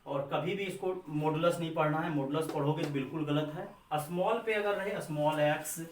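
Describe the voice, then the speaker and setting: A man's voice: fairly high pitch, normal speed, a little hiss or hum. A man with an Indian accent teaching a maths class, who repeats his points, asks and answers his own questions, and calls his students children. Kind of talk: classroom lecture. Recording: echoey room, mic far off.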